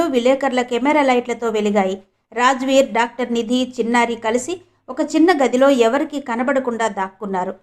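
Woman, high voice, scripted story narration, even and measured.

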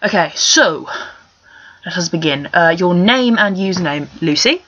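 A fairly low, expressive and slightly bright voice belongs to a young Surrey woman with a posh Home Counties accent, speaking unhurriedly over slight background noise. She's vlogging from a small bedroom, casually answering accent challenge questions in a rambling, wry, sweary style, and the desk-distance laptop webcam makes everything sound dull and lo-fi.

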